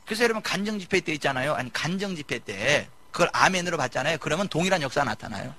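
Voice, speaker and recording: A male pastor giving a lively sermon, mimicking people and shouting his emphases. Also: on the high side, racing. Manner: animated preaching, mimicking congregants, shouting emphases. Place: church sanctuary.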